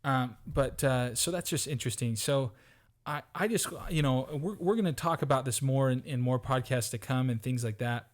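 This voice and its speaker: A man's voice: medium pitch, normal speed. Earnest upbeat man on a podcast. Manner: earnest, upbeat, repeats words while thinking. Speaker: podcast co-host. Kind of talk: casual motivational chat.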